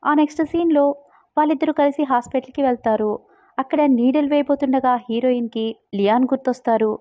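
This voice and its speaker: Speaking quickly in a high-pitched voice, a woman recaps a romance drama as a storyteller, taking on the characters' lines as she narrates. The sound is dry and tinny, phone-like, with no room sound.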